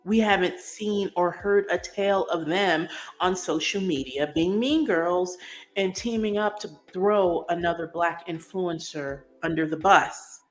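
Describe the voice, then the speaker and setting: A woman's voice: lowish voice, measured pace, soft background music. A woman hosting a podcast in casual, blunt, sarcastic commentary, with many "um" and "you know" fillers. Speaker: podcast host.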